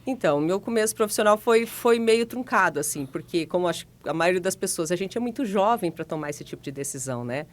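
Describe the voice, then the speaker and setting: A woman in her forties from Paraná, Brazil, a guest telling her story in a relaxed, chatty way with easy laughs. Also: on the low side, fast, hardly any pauses. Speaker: guest, financial consultant. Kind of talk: relaxed interview conversation.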